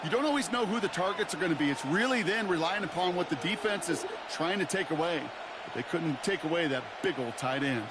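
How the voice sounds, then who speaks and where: A man voicing a video game color commentator who calmly explains the plays. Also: a little high, brisk, natural voice. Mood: analytical. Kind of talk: sports commentary. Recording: game audio with heavy background noise.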